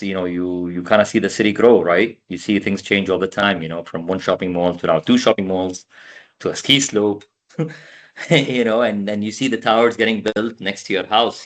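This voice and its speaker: A man from the Emirates in his thirties speaks with a very low voice. He talks casually over a video call, pausing and repeating words while he gathers his thoughts. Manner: halting, repeats words while thinking aloud. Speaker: podcast guest. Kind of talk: casual conversation.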